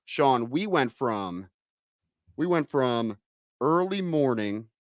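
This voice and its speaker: A man hosting a casual sports talk show, a bit hoarse from a cold and talking with emphatic energy. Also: medium pitch, slow pace, no room sound, clean studio sound. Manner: energetic, emphatic, hypes the audience. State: hoarse, slightly under the weather. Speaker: podcast host.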